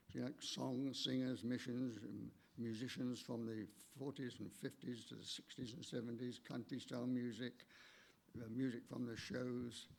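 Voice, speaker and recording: An older man, giving a measured, halting eulogy for his late wife in a church, read from notes with small stumbles. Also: medium pitch, gravelly, a little mellow.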